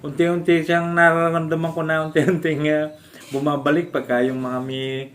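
Halting, chuckling Filipino man. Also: fairly high pitch, level tone, fairly bright tone, a little hiss or hum. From Philippines. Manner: halting speech with frequent fillers and restarts; laughs often while explaining. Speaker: stroke survivor sharing home exercises. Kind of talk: casual instructional vlog.

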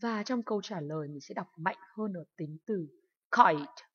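A woman's voice: lowish voice, expressive, normal speed, husky, dull audio. A woman teacher carefully explaining sentence stress and intonation, reading example sentences aloud. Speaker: English teacher. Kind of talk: explaining pronunciation in a lesson.

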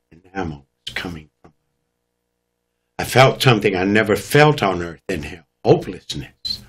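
A man's voice: fairly low pitch, breathy edge. A man, a guest preacher, telling his testimony in an emphatic, dramatic preaching manner. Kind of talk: testimony storytelling.

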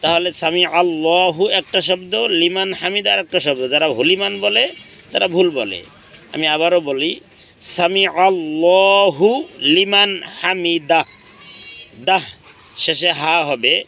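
A man teaching correct prayer recitation in a slow, deliberate way, drawing out the chanted Arabic phrases. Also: on the high side, gravelly, pushed and bright. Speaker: religious teacher. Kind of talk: instructional talk on prayer recitation.

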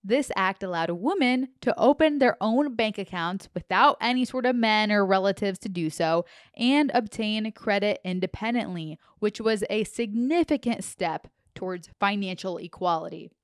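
Smooth-voiced young woman podcast host. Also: mid-range voice, animated, normal speed, no echo, clean studio sound. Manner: chatty, playful asides. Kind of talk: scripted explainer with asides. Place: small home studio, indoors. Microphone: handheld dynamic mic, headphones.

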